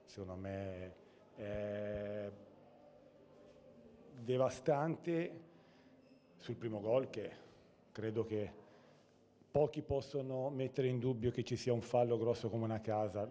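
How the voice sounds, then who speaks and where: Man in his forties, post-match interview, very dark lowish voice, halting, emphatic complaint, faint background noise. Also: level tone. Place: indoor press area with sponsor backdrop. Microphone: handheld interview microphone.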